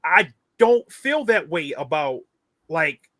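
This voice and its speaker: A man co-hosting a casual fantasy football chat, emphatic and animated, repeating his points and swearing freely. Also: on the high side, slow pace, dry recording. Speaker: podcast co-host.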